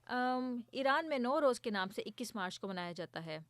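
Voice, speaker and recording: A woman voicing a patient mother who gently explains things to her sons in a storybook. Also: on the high side, lively intonation, no room sound, close to an everyday voice. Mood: explaining.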